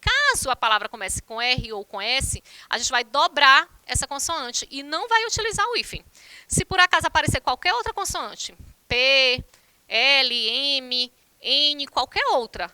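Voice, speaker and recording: A woman's voice: high-pitched, expressive, normal speed, bright, forceful tone, clean tone, no room sound. A woman teacher from Brazil giving an online grammar lesson, explaining rules step by step and addressing the class directly. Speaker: Portuguese teacher.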